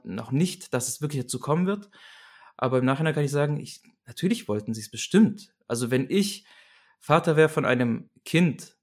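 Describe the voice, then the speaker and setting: A young man in an interview talking candidly about his own life. His delivery is earnest and searching, with frequent restarts and repetitions as he works his way toward what he means. His voice sits at a middle pitch. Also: a little mellow. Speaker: guest. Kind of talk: candid personal storytelling.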